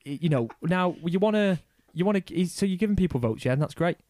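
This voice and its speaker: A man's voice: high voice, animated, fast, darkish tone, no echo, clean studio sound. A man casually explaining history on a podcast, rambling and swearing, with many restarts. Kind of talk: casual chat.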